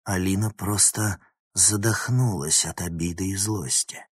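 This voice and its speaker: A man's voice: sits low, unhurried, breathy edge, dry recording, clean studio sound. A man reading a dramatic story aloud as narrator. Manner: dramatic reading, animated phrasing. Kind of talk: audiobook narration.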